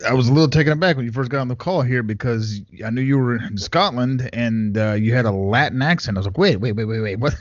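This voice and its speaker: A man's voice: mid-range voice, expressive, a little fast, no room sound, dull audio. A man from the United States, hosting a podcast and chatting in an easygoing way. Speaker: podcast host. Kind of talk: casual interview chat. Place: Dallas, Texas.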